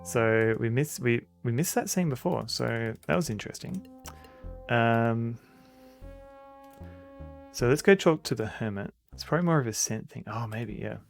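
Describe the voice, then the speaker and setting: A man streams an old adventure game and chats casually with viewers. His mid-pitched voice has a lot of creak, and he rambles easily along. Faint game music plays behind him. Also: lively intonation, moderate pace, pauses often. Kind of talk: casual live-stream chat.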